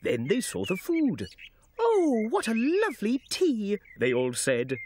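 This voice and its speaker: A woman voicing a gentle, friendly creature who reads stories to small children in a sing-song way, putting on voices for the characters. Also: extremely low pitch, wildly swooping pitch, unhurried, slight background noise, heavily acted. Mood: storytelling. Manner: sing-song storybook reading with swooping voices. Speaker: storyteller. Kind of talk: children's television storytelling.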